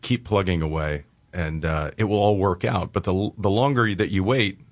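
A man in his forties co-hosting a radio talk show, chatting casually and telling stories with filler pauses. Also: deep voice. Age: 40s. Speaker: radio co-host.

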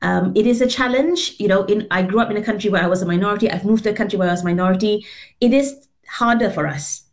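Over a video call, a middle-aged guest from Singapore earnestly shares her story in a remote interview. Her voice is medium in pitch and fast, with fillers and restarts along the way.

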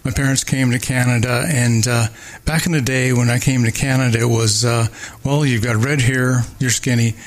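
A mayoral candidate from Barbados, an older man, talks in a mid-range voice with fairly even intonation. Fielding interview questions, he frequently pauses, fills gaps and restarts his sentences.

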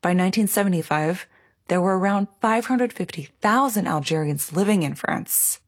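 Female narrator for a scripted documentary; lowish, breathy-rough voice. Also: normal speed.

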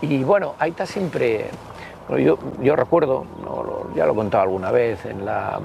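There is slight background noise as a sixty-something party member from Spain's Basque Country, interviewed as a guest, rambles haltingly through anecdotes. His Basque-accented Spanish comes in a medium-pitched, gravelly, darkish voice sprinkled with tag questions.

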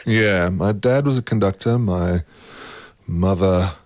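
A deep-voiced man, born in England and raised in Germany and Australia, appears as a guest and opera music enthusiast in a relaxed conversational interview. He speaks slowly with a darkish tone, wry, self-deprecating and chatty with laughs. The sound is clean studio audio with no room sound.

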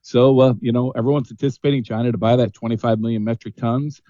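A man giving a market commentary over the phone as a grain analyst, brisk and full of figures. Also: mid-range voice, fairly even intonation, mellow, dry recording. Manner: brisk, figure-heavy, uses frequent "uh" fillers. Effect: heard over a phone line. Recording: muffled phone line, dry.

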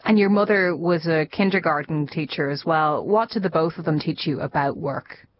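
Low-voiced woman interviewer. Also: moderate pace, dull audio. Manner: smooth, leading questions. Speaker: interviewer, host. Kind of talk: prepared interview questions.

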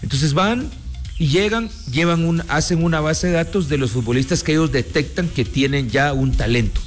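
A man from Guatemala, a sports show host, telling a story in a measured, casual way with many restarts. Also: on the high side, faint music behind. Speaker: sports commentator. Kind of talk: casual talk show chat.

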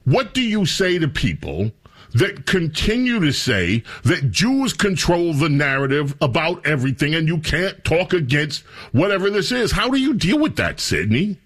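A man's voice: fairly high pitch, very animated, normal speed, a bit bright, husky. A man hosting a talk radio show, building his questions gradually and repeating phrases as he goes. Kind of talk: unscripted radio interview.

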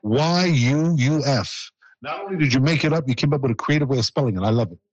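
A male host running a lively interview, full of jokes and friendly teasing. His voice sits at an ordinary pitch and sounds close and dry, with no room around it. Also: quick pace, no echo, muffled recording. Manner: joking, teasing, upbeat. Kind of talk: playful broadcast interview.

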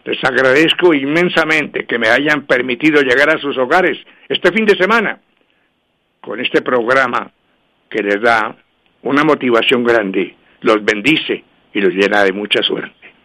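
A man hosting a weekend radio show, reading out lucky numbers and phone numbers in a brisk, repetitive way and slowing down to spell them out. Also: medium pitch, pushed and bright. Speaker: radio host and numerologist.

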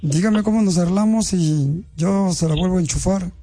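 High husky man posing as an official. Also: moderate pace, dark tone, soft background music. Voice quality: mock-official, needling and insulting. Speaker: radio prank caller. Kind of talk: prank phone call.

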